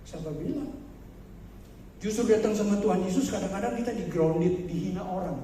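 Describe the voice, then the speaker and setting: High-pitched man preaching in an echoey church. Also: normal speed, warm tone, slight background noise. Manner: conversational preaching, addressing the congregation directly with rhetorical questions. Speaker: pastor. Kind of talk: sermon. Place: large church hall. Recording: echoey church hall, mic far off.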